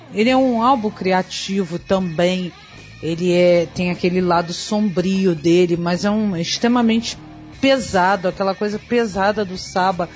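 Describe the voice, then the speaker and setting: A woman with a Brazilian accent co-hosting a radio show, talking with enthusiasm and many hesitant fillers. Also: lowish voice. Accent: Brazilian Portuguese. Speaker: radio co-host. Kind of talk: casual radio chat about rock music.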